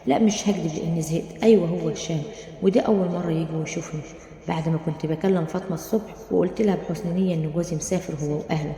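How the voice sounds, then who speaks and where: A woman's voice: on the low side, fairly even intonation, racing, mellow, natural voice. Tearful young wife, read by a woman, Egyptian accent, pleading, reverberant room. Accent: Egyptian Arabic. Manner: pleading, weepy. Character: frightened tearful young wife, unhappy in marriage. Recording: roomy, long reverb.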